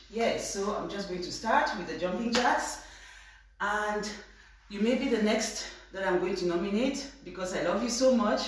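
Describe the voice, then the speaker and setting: A woman's voice: medium pitch, a little hiss or hum. A young woman hosting a casual live fitness chat in a hesitant, informal, giggly way. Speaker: live video host. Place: indoors, tiled room at home. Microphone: phone a few steps away. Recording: very echoey bare room.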